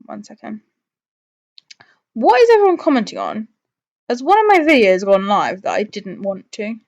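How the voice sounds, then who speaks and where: A woman with a fairly high voice chats casually as a live stream host. She rambles and thinks aloud, second-guessing herself as she talks to her viewers. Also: sing-song, normal speed, gravelly. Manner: rambling, thinking aloud, changes own mind.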